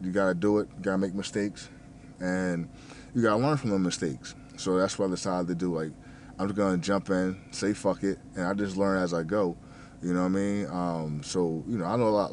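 A faint hum sits beneath this man's very deep, low, darkish, slightly mumbled voice. In his thirties and raised in New Jersey, the restaurant manager and fitness vlogger talks in a loose, rambling way, stumbling over words, relying on fillers and cursing casually.

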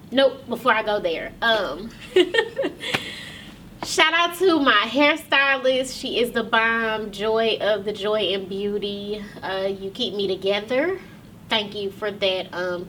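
A woman's voice: mid-range voice, a bit bright, recorded from a distance, slight background noise. A woman hosting her own podcast and talk show, speaking casually to viewers in a loose, chatty way with many ums, close to tears.

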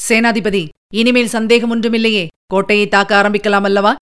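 A woman voicing a calm, authoritative male emperor in an audiobook. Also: medium pitch, fairly quick, smooth, natural voice. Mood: commanding. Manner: composed, authoritative. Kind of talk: audiobook character reading.

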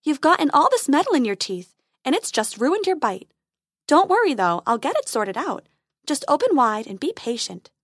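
A woman voicing a brisk, cheerful fairy dentist in a storybook, speaking high and bright. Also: big pitch swings, dry recording, clean studio sound. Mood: reassuring.

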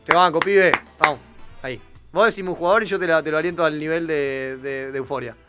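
A man's voice: a little high, quick pace, over music. A young man with an Argentine accent, hosting a casual chat show in a playful, teasing way. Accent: Argentine Spanish. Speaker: podcast host.

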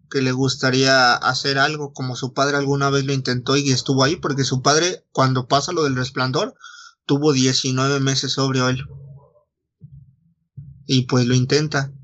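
A man's voice: medium pitch, a bit bright. Slangy young Mexican man retelling a story. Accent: Mexican Spanish. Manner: slangy, swears often, says "güey" constantly, restarts lines. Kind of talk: casual chat retelling a novel.

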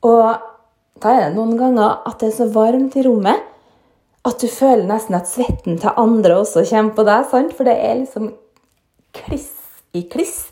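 Chatty woman with a warm, roomy voice. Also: fairly high pitch. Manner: chatty, frank, often tags lines with "sant?". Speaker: yoga teacher. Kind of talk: casual storytelling monologue. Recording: roomy echo.

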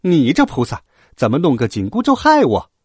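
A man voicing a hot-tempered male monkey king in a children's story, shouting shrilly. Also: very high voice, takes it slowly, no room sound, studio quality, pitched above the performer's own voice. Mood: furious.

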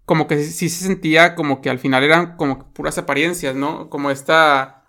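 A man with a Mexican accent talks through a favorite film scene in loose, rambling chat, leaning on fillers and tag questions. His voice sits a little high and comes across bright and crisp. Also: fairly even intonation, moderate pace. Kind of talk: casual film discussion.

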